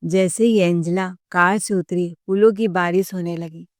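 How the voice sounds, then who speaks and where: A woman narrating a family story in a steady, plain reading voice. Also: fairly low pitch, a little slow, no room sound, studio quality.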